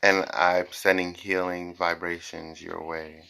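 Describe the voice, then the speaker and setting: Against a noisy background, a man with a low, gravelly voice gives viewers a casual, off-the-cuff tarot reading. He speaks slowly and flatly yet bluntly and with emphasis, repeating phrases and occasionally swearing.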